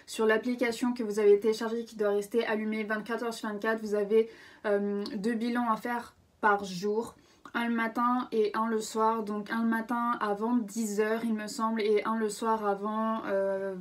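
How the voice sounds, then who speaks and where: A woman's voice: on the high side, distant mic. A French woman in her twenties chatting casually in a vlog, full of fillers and self-corrections. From France. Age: 20s. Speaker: vlogger.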